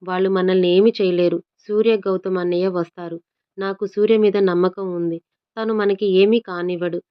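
A woman voicing a calm, composed young woman who speaks in an unhurried, even way, on a dull lo-fi recording. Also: lowish voice, smooth, natural voice.

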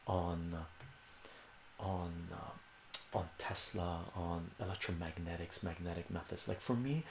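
Speaking slowly in a low, fairly even voice, this older male livestream host, a native Armenian speaker, fields viewer questions from a home room. He rambles and corrects himself, and the audio carries room echo and a noisy background.

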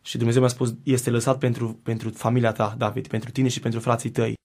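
A man speaks in a gravelly, creaky voice, telling his faith story in a TV studio interview. His delivery is earnest and reflective, and he often pauses and restarts as he searches for words. His pitch stays fairly even throughout. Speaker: guest singer. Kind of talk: personal faith testimony.

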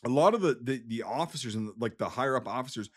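Male podcast co-host, Wisconsin accent, mid-pitched voice, emphatic, sweary explainer in casual history chat. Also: expressive, fast, slightly rough. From Wisconsin, USA. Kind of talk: casual war history discussion.

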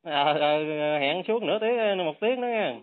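A man's voice: high-pitched, lively intonation, normal speed, dry recording. A man arguing on a phone call, defiant, dismissive and taunting. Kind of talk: heated phone argument. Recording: tinny phone line, dry.

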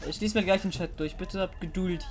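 A young woman streaming a horror game live, chatting with viewers, giggly and excitable, often laughing and shrieking. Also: on the low side, brisk, soft background music. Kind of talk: live-stream gameplay commentary.

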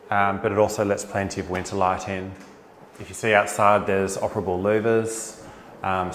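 A man's voice: lowish voice, slight background noise. Upbeat Australian man touring a house. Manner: enthusiastic, upbeat, with frequent fillers. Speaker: architect giving a house tour. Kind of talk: casual walkthrough narration. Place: inside and around a large suburban house.

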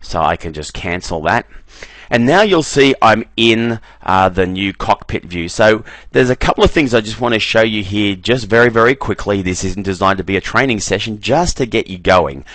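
A man giving a relaxed screen-recorded software walkthrough, often repeating "very, very" as he clicks through menus. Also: lowish voice, normal speed, dry recording. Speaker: software trainer.

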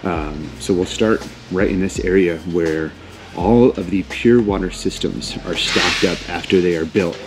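A man's voice: low-pitched, measured pace, noisy background. A man in his thirties hosting a casual, upbeat walk-through tour of a large warehouse on a lapel mic. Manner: upbeat, enthusiastic. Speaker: vlog host.

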